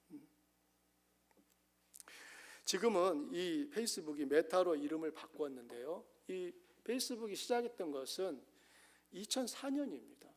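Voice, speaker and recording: Earnest Korean pastor preaching, higher-voiced man. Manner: earnest preaching, rising to emphatic highs and dropping to soft asides. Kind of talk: sermon.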